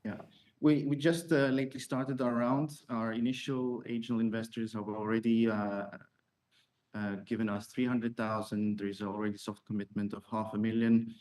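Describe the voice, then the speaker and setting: A man explaining his startup in answer to investor questions, pausing often as he phrases things. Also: on the low side, flat delivery, darkish tone. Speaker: startup founder.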